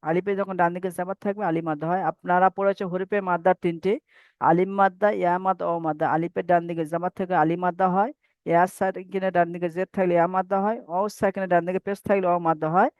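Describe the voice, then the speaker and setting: A man's voice: sits high, level tone, fast talker, smooth, dry recording. A man teaching Quran recitation rules in a patient, repetitive way and having students recite after him. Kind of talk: online tajweed lesson. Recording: dry, dull lo-fi mic.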